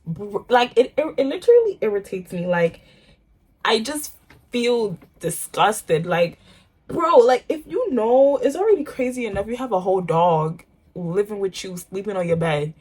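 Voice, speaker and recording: Chatty young New York woman, husky. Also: mid-range voice, normal speed. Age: young adult. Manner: chatty, animated storytelling with slang. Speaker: vlogger. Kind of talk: casual chat while getting ready.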